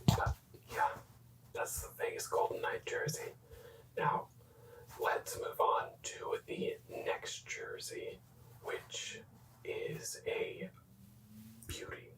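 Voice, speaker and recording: A young adult whispering in a soft, unvoiced ASMR style, slowly repeating words and rambling through casual, self-correcting asides. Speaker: ASMR creator showing hockey jerseys. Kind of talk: whispered ASMR show-and-tell. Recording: echoey room, voice distant from mic.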